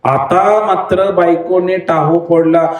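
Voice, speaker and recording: A male preacher with a Marathi accent tells a long story in a sermon and slips into the characters' voices and cries. His voice sits high and animated. The recording has a roomy, echoey hall sound. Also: slow.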